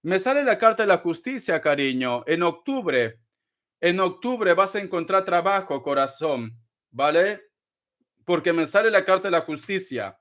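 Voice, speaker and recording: A man's voice: high voice, animated, normal speed, a bit bright. A man doing a live tarot reading, theatrical and teasing, calling viewers darling and laughing often. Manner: laughs often between phrases. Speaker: tarot reader.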